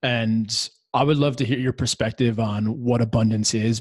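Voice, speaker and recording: A man's voice: mid-range voice, breathy edge, dry recording. A man hosting a podcast, asking curious questions and giving encouraging short replies. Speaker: podcast host. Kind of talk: interview questions and short reactions.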